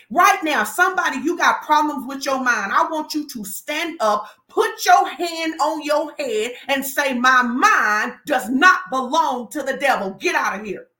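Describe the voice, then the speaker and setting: Woman pastor, high and bright, preaching with commanding fervor in an echoing hall. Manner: fervent, declaring and commanding, call-and-response cadence. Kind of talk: sermon. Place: church hall. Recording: echoey room.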